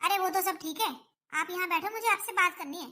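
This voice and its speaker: A woman playing a sharp-tongued mother-in-law. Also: very high voice, fairly quick, slight background noise. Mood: pleading. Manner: scolding, dismissive. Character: nagging middle-aged mother-in-law, stubborn. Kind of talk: family drama skit.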